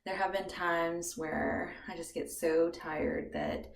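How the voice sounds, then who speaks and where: A young pregnant woman vlogging casually from her bathroom, chatty with lots of ums and now and then slipping into soft whispers, a little out of breath. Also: fairly low pitch, steady tone, slow. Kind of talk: casual beauty vlog chat. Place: bathroom at home, indoors.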